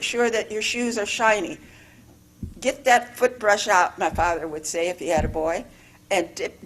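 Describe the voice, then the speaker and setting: A woman's voice: medium pitch, a bit bright. A woman giving an informal, rambling sermon in a church, stressing words and repeating herself. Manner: rambling, repetitive, emphatic. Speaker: spiritual living speaker. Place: church sanctuary.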